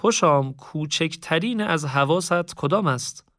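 A man voicing a solemn, wise male religious teacher who speaks slow and measured. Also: a little high, lively intonation, fairly bright tone, no room sound, clean studio sound.

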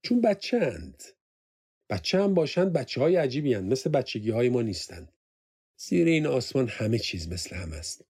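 A man's voice: medium pitch, sing-song, vocal fry, darkish tone, breathy edge, full character voice. A man voicing an easygoing male soldier who speaks in a raised, lightly mocking voice. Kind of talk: audiobook character voice.

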